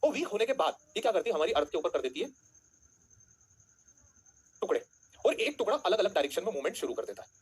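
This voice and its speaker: Guy teacher, fast and bouncy, slightly husky voice, keeps asking the class stuff then answers it. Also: high voice, sing-song. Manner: asks students questions then answers them himself; calls students beta, jokingly threatens them. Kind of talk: online class lecture.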